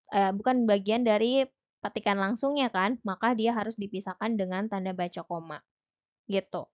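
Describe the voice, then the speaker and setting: A woman's voice: a little high, muffled recording. A young woman tutor giving an exam-prep lesson, explaining each point step by step in a chatty way with many fillers.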